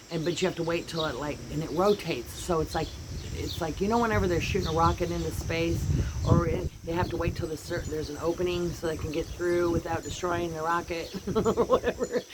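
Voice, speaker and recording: An American woman vlogger chatting casually and rambling about her dogs, sitting outside on a porch. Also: low voice. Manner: rambling and animated, voices her dogs' thoughts. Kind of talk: casual chat. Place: outdoors on a porch. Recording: outdoor noise with birds and insects. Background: birds and insects.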